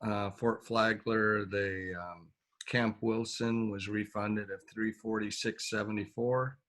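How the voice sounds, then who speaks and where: A man reading out a club budget report on a video call, slow and plain with pauses. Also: on the low side, fairly even intonation, a bit bright. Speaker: club treasurer.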